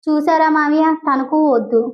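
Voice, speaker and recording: A woman's voice: high-pitched, normal speed, close to an everyday voice. A woman playing an irritated young businessman who talks in a curt, dismissive way, on a dull lo-fi recording.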